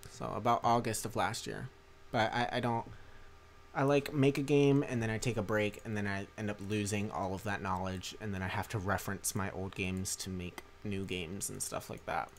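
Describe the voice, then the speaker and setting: Casual livestream commentary comes from a young man who streams strategy games and makes mods, tired after a long day. Reading chat, he rambles with many fillers and restarts in a lowish, fairly even voice at a moderate pace, with a little hiss or hum.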